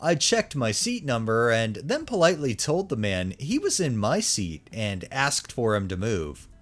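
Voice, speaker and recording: Man reading stories with lively intonation. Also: medium pitch. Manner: animated, swinging intonation. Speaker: narrator and host of a story channel. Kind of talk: reading online posts aloud with brief commentary.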